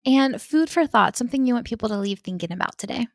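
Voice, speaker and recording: Woman host, upbeat casual interviewer, a touch high, gravelly, dry close sound. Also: lively intonation, fast, no room sound. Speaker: podcast host.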